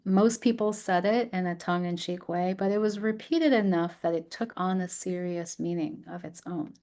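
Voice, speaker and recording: A woman with a somewhat low voice delivers an academic lecture as a researcher. She speaks thoughtfully, pausing on ums and restarting phrases as she works through her ideas. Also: a little mellow. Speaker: researcher giving a talk.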